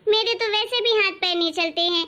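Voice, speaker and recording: In a family cartoon, a woman voices a doting old mother-in-law who fusses and scolds out of love. The voice is very high and bright, almost girlish, and insistent. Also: brisk. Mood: caring scolding. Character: loving elderly mother-in-law, doting and firm. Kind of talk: cartoon story voice acting.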